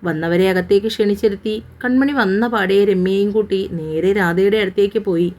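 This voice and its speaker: A woman narrating a romance novel as an audiobook in a steady, unhurried storytelling manner. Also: mid-range voice.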